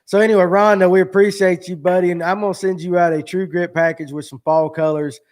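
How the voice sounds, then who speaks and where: A man's voice: sits high, little pitch movement, quick pace, a little mellow. Rambling man in his forties. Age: 40s. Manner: rambling, joking, lots of fillers. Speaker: show host. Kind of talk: casual live-stream chat.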